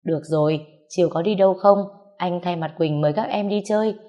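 A teasing young uncle who scolds and jokes with a lilt, as a woman narrator puts him on. The voice sits low and mellow, barely shifted from her own reading tone. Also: brisk, muffled recording, natural voice.

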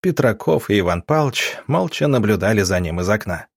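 A man narrating an audiobook as expressive scripted storytelling. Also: lowish voice, a little fast, creaky, slightly rough, no echo, clean studio sound.

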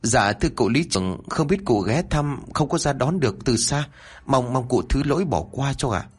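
A man's voice: medium pitch, lively intonation, normal speed, husky. A man voicing a humble old villager who speaks deferentially, with a stammer.

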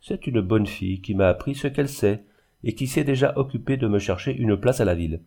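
A man's voice: lowish voice, brisk, creaky, dark tone. A man reading aloud and voicing a proud, unhappy young orphan girl who pleads earnestly. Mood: resolute.

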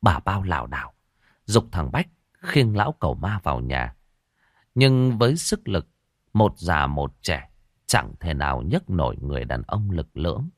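A man narrating a horror story audiobook in a dramatic, expressive way. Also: low-pitched, unhurried, dry recording. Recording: dry close mic with faint music.

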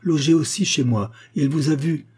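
A man voicing a distraught innkeeper woman who insists loudly and emotionally. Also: on the high side, brisk, husky, pitched above the performer's own voice. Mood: agitated. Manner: loud, emotional exclamations.

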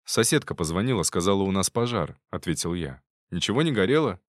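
A man narrating a first-person audiobook in a calm, wry manner. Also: sits low, fairly quick, dry recording, clean studio sound.

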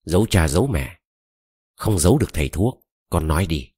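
A man's voice: sits low, expressive, a little fast, darkish tone, husky, no room sound. A man voicing a sly, cunning old female shaman who coaxes and probes, read close to a dry mic. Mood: probing. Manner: cunning, coaxing.

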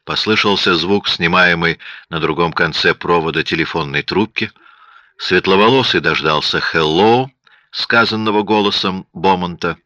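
Low-voiced male audiobook narrator. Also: pushed and bright, dry recording. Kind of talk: scripted narration. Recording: dull lo-fi audio, dry.

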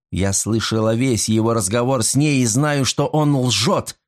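A man's voice: medium pitch, darkish tone, voice pushed up, lightly acted. Man doing a cold, scheming young woman. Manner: cold and deliberate.

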